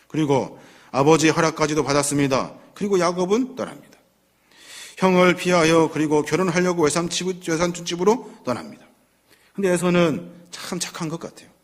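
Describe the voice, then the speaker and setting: A male pastor preaching a sermon, telling the story with dramatic flair and acting out the characters' pleas. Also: a little high. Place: church sanctuary.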